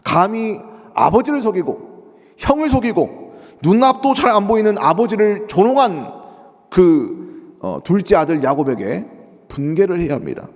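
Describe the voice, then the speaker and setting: A male pastor preaching a sermon in an animated way, moving between quiet asides and raised, emotional readings of the characters' words. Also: sits high, unhurried, big-room sound. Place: church sanctuary.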